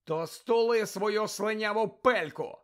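A man's voice: on the high side, takes it slowly. Brief: man voicing defiant schoolboy hero, cutting retorts, audiobook. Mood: angry. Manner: sharp angry retorts. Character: brave teenage schoolboy wizard, quick-tempered.

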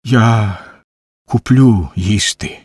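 A man voicing a starving native chief who pleads in slow, broken speech. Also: fairly low pitch, darkish tone, husky, dry recording, heavily acted. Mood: grave. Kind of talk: audiobook character voice.

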